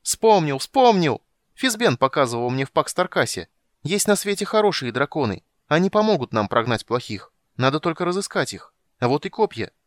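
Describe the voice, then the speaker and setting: A man reading an audiobook, voicing a small, curious, excitable male kender adventurer with eager, breathless wonder. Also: mid-range voice, fairly quick, no echo, clean studio sound, close to an everyday voice. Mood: jubilant.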